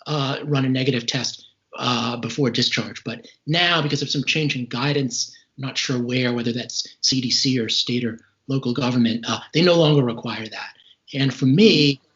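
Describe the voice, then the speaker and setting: A man in his forties, a little short of breath, giving a halting, measured account of his experience as an interview guest. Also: mid-range voice, fairly bright tone. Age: 40s. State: short of breath, recovering from serious respiratory illness. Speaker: interview guest, recovering patient. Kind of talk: recounting personal experience in an interview. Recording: dull lo-fi call audio.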